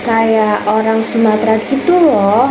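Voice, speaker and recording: A woman's voice: a little high, a little slow, roomy sound, noisy background, lightly acted. A young woman playing a chatty, teasing classmate in a school skit, talking casually. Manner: casual gossiping schoolmate talk.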